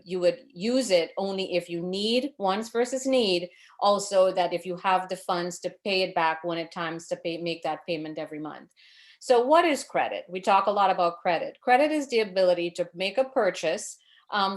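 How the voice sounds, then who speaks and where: Her pitch is medium as she, a woman from Trinidad in her forties, presents a webinar on financial education over video call. The tone is earnest and advisory, dotted with fillers and self-corrections.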